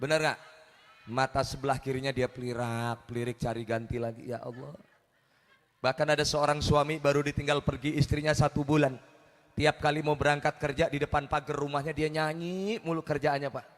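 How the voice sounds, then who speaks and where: High-voiced preacher joking with a crowd. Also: male voice, level tone, brisk, in a large hall. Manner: jokey, teasing the audience with questions. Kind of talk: humorous sermon to a crowd. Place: religious gathering at night.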